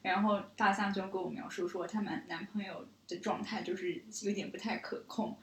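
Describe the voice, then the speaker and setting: A woman's voice: medium pitch, fairly even intonation, fairly quick. A young woman co-hosting a casual podcast, chatting and often breaking off to restart. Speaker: podcast co-host. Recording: echoey room.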